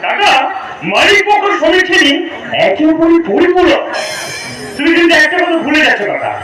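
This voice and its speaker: A man's voice: extremely high pitch, sing-song, brisk, pushed and bright, recorded from a distance, exaggerated voice. An actor playing an earnest, admiring young man with hammy, emphatic folk theatre declamation. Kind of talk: Bengali jatra folk theatre acting. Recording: echoey stage PA from afar, music behind.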